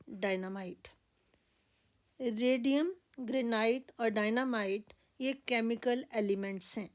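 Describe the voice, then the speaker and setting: A woman with an Indian English accent teaching an exam-prep English lesson, reading out the answer options slowly and explaining each one. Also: fairly high pitch. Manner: slow explanations mixing Hindi and English, reading options aloud deliberately.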